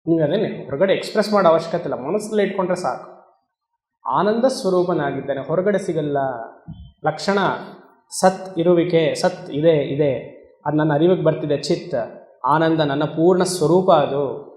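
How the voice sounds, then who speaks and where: A man, a swami, giving a spiritual discourse on Vedanta, talking conversationally, asking the listeners questions and chanting Sanskrit verses slowly. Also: fairly high pitch, a little mellow, reverberant. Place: discourse hall.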